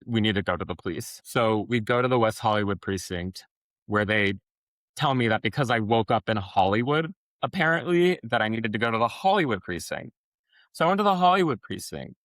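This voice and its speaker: Low-voiced man telling his story. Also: a little fast, fairly bright tone, no room sound. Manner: rambling, frank storytelling with many restarts and fillers. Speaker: podcast guest. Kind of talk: personal testimony in an interview.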